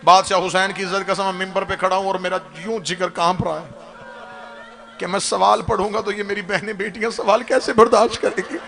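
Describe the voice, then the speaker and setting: Man, Pakistani Urdu accent, majlis sermon, high voice, gravelly, lamenting recital, pulpit microphone. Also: fairly even intonation, fairly quick. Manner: lamenting, recited narration that rises into crying shouts. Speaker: Shia cleric delivering a majlis. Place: standing at a pulpit at a gathering.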